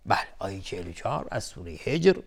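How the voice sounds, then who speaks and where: A man with a fairly low voice leads a televised lesson on Quran recitation. He explains the rules in a measured way, naming each term one at a time. He sets off each verse with a slow chant at a raised pitch. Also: big pitch swings, breathy edge. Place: TV studio.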